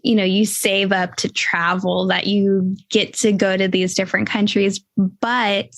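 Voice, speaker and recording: A woman's voice: mid-range voice, little pitch movement, measured pace, a bit bright, dry recording. A woman hosting a podcast interview, upbeat and chatty with lots of fillers. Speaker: podcast host.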